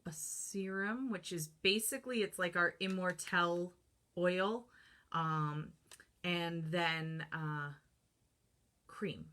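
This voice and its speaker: A woman in her thirties talks straight into a close camera in a relaxed vlog, her voice sitting a little low. She rambles in a chatty way, with plenty of fillers, and acts out her own past reactions. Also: slow. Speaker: holistic skincare vlogger. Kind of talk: casual talking-to-camera vlog. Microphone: camera close up, holding products to the lens.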